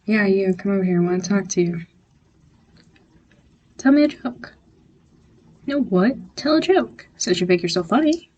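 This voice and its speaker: A brash young female classmate , played by a woman, tears into someone in this audio role-play. She is blunt and foul-mouthed, with a husky, breathy edge to her voice. The recording is dry and close, with no room sound. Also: medium pitch, animated, moderate pace, pauses often, darkish tone, dry recording. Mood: angry, scolding. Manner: blunt, swearing, confrontational. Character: abrasive young woman college classmate, confrontational.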